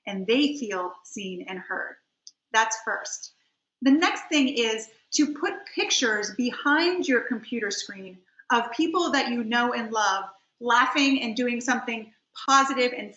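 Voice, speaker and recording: Her fairly high, slightly bright voice carries an instructional coaching talk in a webinar, where she slows down to stress key phrases and speaks emphatically. The middle-aged communication coach and trial attorney is recorded via a computer on a video call, sounding roomy and slightly dull.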